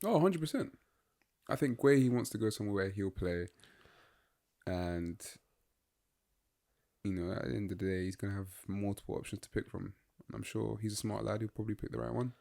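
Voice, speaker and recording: Laid-back young man, lowish voice. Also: brisk, creaky, pauses often. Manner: relaxed, rambling, filler-heavy opinions. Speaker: podcast co-host. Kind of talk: casual football chat.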